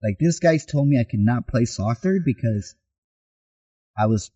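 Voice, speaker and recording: A man's voice: medium pitch, moderate pace, husky, highs cut off. A man from Mexico, a soccer coach and podcast guest, telling his life story in conversation and acting out the dialogue he remembers. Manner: animated retelling that acts out quoted dialogue.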